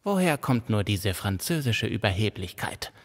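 A man voicing a grieving, half-mad old father in an audiobook, with a soft, androgynous voice and a dangerous edge of madness underneath. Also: fairly low pitch, big pitch swings, normal speed, big-room sound. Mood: menacing.

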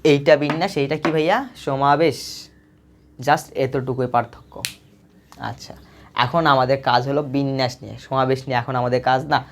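A woman with a deep, low-set voice works through a recorded math lesson. She talks patiently and repeats herself, firing questions at her students and answering them herself. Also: fairly even intonation, normal speed, long pauses, a little hiss or hum. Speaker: math teacher.

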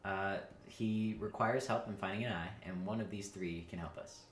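A man's voice: sits low, normal speed, reverberant, a little hiss or hum. A man hosting a let's-play, talking through the game in easygoing chat. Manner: easygoing, laughs often. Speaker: host playing a game.

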